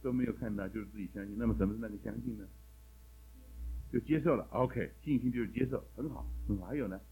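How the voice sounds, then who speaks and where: A man's voice: lowish voice, fast talker, gravelly, mellow, slightly rough, poor audio. A man teaching a Bible class in a sermon style, asking the class one question after another and mixing English words into his talk.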